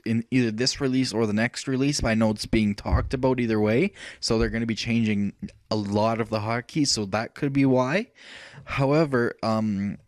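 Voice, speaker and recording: Casual rambling man demoing software. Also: mid-range voice, no echo. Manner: thinking aloud, rambling with fillers and self-corrections. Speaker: software tutorial host. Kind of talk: casual screen-recorded software walkthrough.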